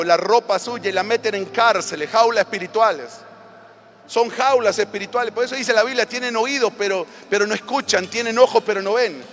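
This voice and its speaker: A man preaching a live sermon as pastor, fervent and shifting between intimate and loud, recorded in a church hall. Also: sits high. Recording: reverberant church hall with faint music.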